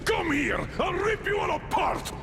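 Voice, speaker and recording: An actor playing a furious captive army colonel who shouts threats, in a video game. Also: male voice, very high-pitched, sing-song, slow pace, long reverb tail, over music, exaggerated voice. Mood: enraged. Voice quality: gravelly, shouting.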